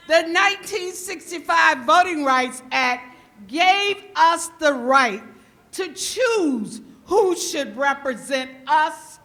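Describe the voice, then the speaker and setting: A woman's voice: high-pitched, bright, forceful tone. A woman giving a rallying speech, exhorting the audience with call-and-response. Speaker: speaker urging voters. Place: large auditorium.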